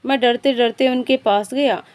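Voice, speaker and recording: A woman reading an emotional story aloud as its storyteller, narrating in the first person with steady, emotive delivery. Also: a little high, moderate pace.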